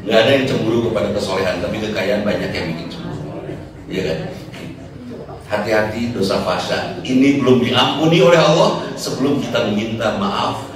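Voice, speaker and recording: A man's voice: lowish voice, brisk. A man preaching a humorous sermon, telling jokey stories and asking the congregation rhetorical questions. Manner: joking storyteller, rhetorical questions. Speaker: Islamic preacher. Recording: echoey hall, distant mic, crowd. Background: audience laughter.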